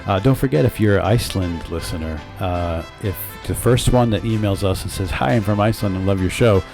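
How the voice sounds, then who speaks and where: A man's voice: deep voice, a little fast, vocal fry, over music. A man co-hosting a casual home podcast with his partner, earnestly arguing his point and reading the show plugs upbeat. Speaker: podcast co-host. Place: home room with sleeping dogs.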